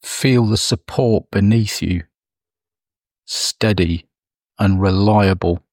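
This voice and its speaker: Male meditation guide, unhurried and gentle, lowish voice, dry close recording. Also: no echo. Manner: slow, soft, soothing delivery with long pauses.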